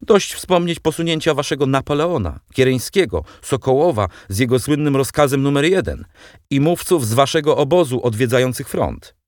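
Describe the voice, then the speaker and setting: A man's voice: medium pitch, lively intonation, normal speed, no room sound, clean studio sound, voice pushed up, lightly acted. A man reading as a sly, mocking revolutionary leader. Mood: ironic, mild. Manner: mild, ironic and condescending. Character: shrewd, mocking male revolutionary leader, middle-aged.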